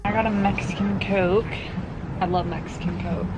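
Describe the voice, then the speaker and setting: A woman's voice: medium pitch, steady tone, normal speed, lo-fi sound, loud music behind the voice. A young woman chatting upbeat and casual as she vlogs her trip, holding the camera. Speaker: vlogger. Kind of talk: casual vlog chat. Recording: loud outdoor traffic noise.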